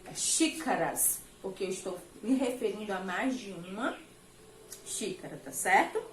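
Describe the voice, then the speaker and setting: A Brazilian woman gives a children's grammar lesson with a voice of middle pitch, recorded in an echoey room. She keeps calling her pupils her dears and checks after almost every sentence that they have understood. A faint hiss sits under the voice. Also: lively intonation, measured pace. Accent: Brazilian Portuguese. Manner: affectionate, checks in with "tá certo?" often. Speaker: teacher. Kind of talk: remote class lesson for children.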